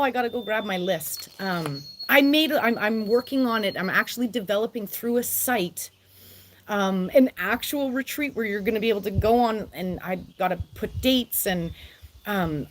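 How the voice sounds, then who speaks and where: A woman's voice: on the high side, expressive, moderate pace, a little hiss or hum. A woman who works as a social worker, hosting a live stream with effusive, rambling talk and frequent laughter, recorded on an outdoor deck. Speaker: spiritual vlogger and social worker.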